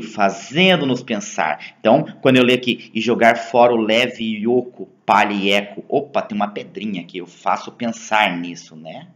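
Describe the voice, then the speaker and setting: A man with a Brazilian Portuguese accent teaching a lesson on poems, tagging his sentences with "né?" and "tá?" in a conversational way. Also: mid-range voice.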